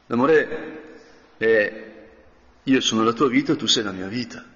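A man of middle pitch preaching a relaxed, chatty meditation as a priest, clearing his throat now and then. His voice rings with a long hall reverb, and the recording sounds a little dull and lo-fi. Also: measured pace. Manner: conversational, often clears his throat and adds a questioning tag. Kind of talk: spoken meditation sermon.

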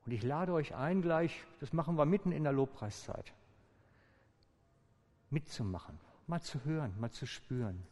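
A man preaching a sermon as pastor, calm and inviting, slowing down with deliberate pauses. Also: fairly high pitch. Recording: long church-hall reverb.

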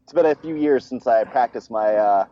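Male panelist, warm and mellow, hesitant, dry lo-fi recording. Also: medium pitch, moderate pace, no room sound. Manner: hesitant, many fillers and restarts. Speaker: podcast co-host. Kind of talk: casual sports chat.

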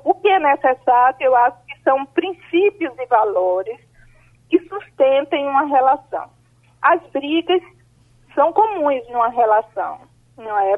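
A psychologist, answering questions over a mobile phone line that keeps cutting out, speaking in a measured, explanatory way with frequent tag questions. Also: female voice, high-pitched. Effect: breaking-up mobile phone line. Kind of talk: radio phone-in interview answer. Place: outdoors in a country town, seeking signal. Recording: tinny cell phone line.

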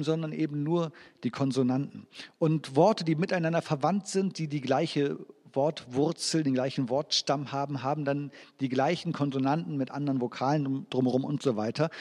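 Guy preaching a sermon, kinda high voice, explains stuff and restarts a lot, long echo of a church hall. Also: darkish tone. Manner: explanatory, reads scripture slowly, restarts phrases. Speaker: pastor.

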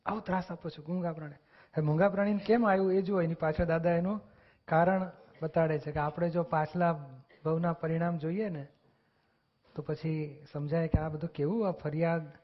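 A man's voice: a little high, steady tone, normal speed. Man explaining spiritual teachings, lo-fi. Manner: earnest, explanatory, acts out quoted dialogue. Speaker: spiritual discussion speaker. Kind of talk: religious discourse explanation. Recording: dull lo-fi recording.

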